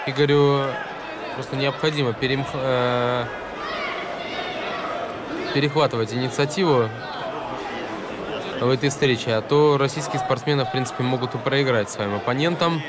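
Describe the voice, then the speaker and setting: A man from Russia giving live MMA commentary in halting phrases. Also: medium pitch. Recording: loud crowd and venue noise behind.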